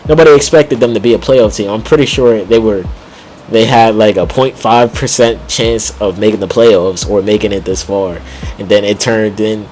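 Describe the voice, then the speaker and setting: Rambling man with a low voice. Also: a little mellow, a little hiss or hum. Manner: rambling, heavy on "like", quick laughs, slangy. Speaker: basketball vlogger. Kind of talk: casual sports commentary vlog.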